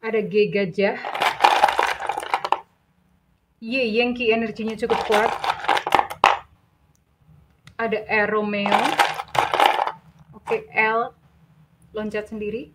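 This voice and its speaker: A woman giving a tarot reading, gentle and measured, calling the listener dear. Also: mid-range voice, little pitch movement, heavy background noise. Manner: slow, measured listing. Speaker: tarot reader.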